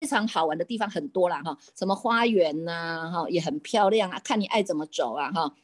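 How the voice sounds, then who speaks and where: Female dharma teacher, storytelling sermon delivery, repetitive and chatty. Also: fairly low pitch. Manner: ends phrases with a drawn-out particle, repeats key phrases.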